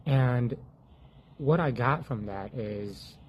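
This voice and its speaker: A man giving an earnest, halting personal testimony about faith, often restarting his sentences and sinking to a hush when he quotes his prayers. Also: mid-range voice, breathy edge, highs cut off. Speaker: faith vlogger sharing a testimony.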